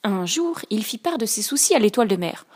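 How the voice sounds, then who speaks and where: A woman reading a children's picture book aloud with soft, expressive storytelling. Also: medium pitch, brisk, breathy edge. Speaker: storybook reader.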